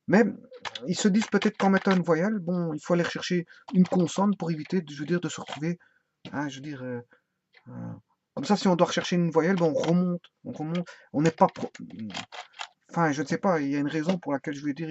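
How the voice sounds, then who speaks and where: A man's voice: on the high side, a little mellow. A man explaining a laptop keyboard in a casual spoken tutorial, rambling and hesitant with many fillers and restarts. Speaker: tutorial presenter. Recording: dull lo-fi sound with faint hiss.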